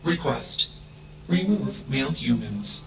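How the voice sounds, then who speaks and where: An actor voicing an emotionless male AI computer in a video game, speaking in a flat, clipped, logical manner and tagging each statement with a label. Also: medium pitch, takes it slowly, noisy background. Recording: echoey with game music behind. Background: game music.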